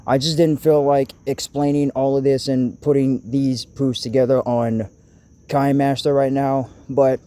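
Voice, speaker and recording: A young man hosting his own channel, ranting to camera in a halting way, stuttering and restarting his sentences. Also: medium pitch, level tone, mellow, clean tone, dry recording. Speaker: channel host. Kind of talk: casual vlog rant to camera. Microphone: camera mic.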